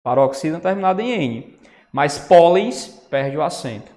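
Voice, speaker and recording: Male teacher in an online lecture, higher-pitched, in a reverberant space. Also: lively intonation, moderate pace, mellow. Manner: explanatory, says "né?" and "ó" often. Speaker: Portuguese teacher. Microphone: writing on a tablet while talking. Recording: long reverb.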